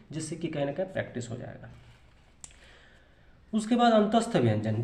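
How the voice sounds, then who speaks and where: A man's voice: a little high, dark tone, slight background noise. Man teaching a patient grammar lesson, echoey. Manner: explains patiently, repeats terms and asks rhetorical questions.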